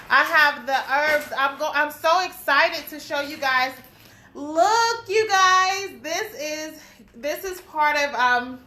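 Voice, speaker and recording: A woman's voice: sits high, sharp tone. Bubbly woman greeting live viewers, echoey room. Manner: bubbly, repeats phrases, greets viewers by name. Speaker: business owner showing products. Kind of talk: casual live video chat. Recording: echoey room, faint background noise.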